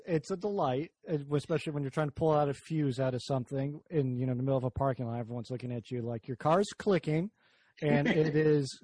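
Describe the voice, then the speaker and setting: A man's voice: medium pitch, a little mellow, dry recording. A man hosting a casual car podcast, talking in a rambling, jokey way that keeps interrupting itself. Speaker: podcast host.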